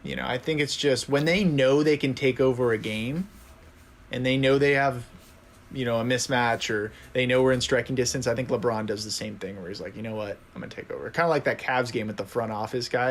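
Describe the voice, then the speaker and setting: A young man co-hosting a sports podcast, chatting casually and telling animated stories with frequent laughs. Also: medium pitch, fairly quick. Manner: animated storyteller, laughs often. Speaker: podcast co-host. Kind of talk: casual chat.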